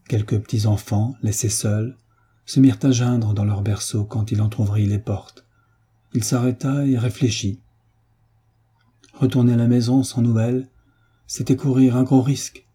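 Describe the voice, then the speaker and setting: A male narrator reads an audiobook in a measured, steady way. His voice is husky and very dark, set fairly low in pitch. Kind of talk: scripted narration.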